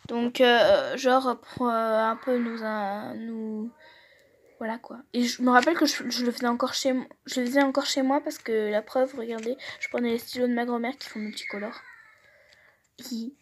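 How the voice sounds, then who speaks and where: Young female vlogger, fairly high voice, chatty and joking, drifts into mumbles. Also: steady tone, moderate pace, slight background noise. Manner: chatty, reads aloud and jokes, trails off into mumbles. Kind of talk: casual vlog commentary.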